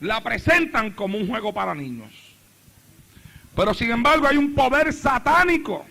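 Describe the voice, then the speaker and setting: High-voiced gravelly preacher man. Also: very animated, normal speed, pushed and bright. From Puerto Rico. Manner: preaching with rising fervor, repeating phrases. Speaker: pastor. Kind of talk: sermon.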